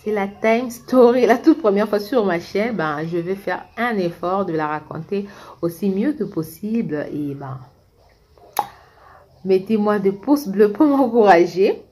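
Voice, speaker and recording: A middle-aged Congolese woman from Kinshasa shares a personal story in an easygoing vlog monologue, talking right to her viewers and often restarting sentences. Her mid-range voice is warm and animated, and she keeps a measured pace.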